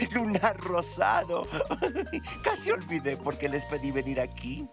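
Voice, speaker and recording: A woman's voice: lowish voice, expressive, slow pace, music in the background. A woman voicing a cheerful, flighty cartoon monarch with a theatrical, flowery and regal manner. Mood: merry, grand. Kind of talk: animated children's show dubbing.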